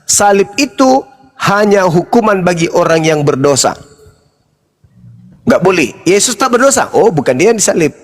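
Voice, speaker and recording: High-voiced mocking man debating. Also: animated, moderate pace, pauses often. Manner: mocking, combative, repeats questions, laughs at opponents. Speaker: debater in an online interfaith discussion. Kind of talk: heated debate.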